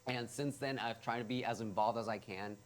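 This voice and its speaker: A man's voice: medium pitch, steady tone, a little fast. A young man from Ecuador, a college senior, talking earnestly in a casual interview. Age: young adult. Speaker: college student.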